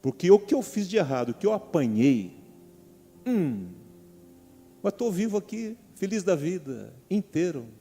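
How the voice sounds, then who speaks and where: A middle-aged Brazilian man preaching in a fairly high, mellow voice. He talks animatedly and keeps calling out to the congregation. His voice rings through a large church hall over soft music. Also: a little slow, husky. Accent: Brazilian Portuguese. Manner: animated, calls out to the congregation, acts out quotes. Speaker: pastor. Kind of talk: sermon.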